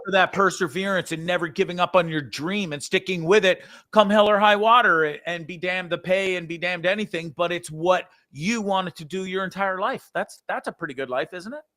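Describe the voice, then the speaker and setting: Fairly high-voiced man, eager host. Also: brisk, hardly any pauses, bright, forceful tone. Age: 50s. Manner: enthusiastic, long rambling questions. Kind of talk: casual interview chat. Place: home room, video call. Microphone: video call mic.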